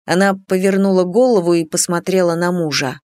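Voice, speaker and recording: A woman reading a novel aloud as an audiobook, in a measured, unhurried manner. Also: on the low side, fairly even intonation, darkish tone, no echo, studio quality. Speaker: audiobook narrator. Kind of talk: scripted narration.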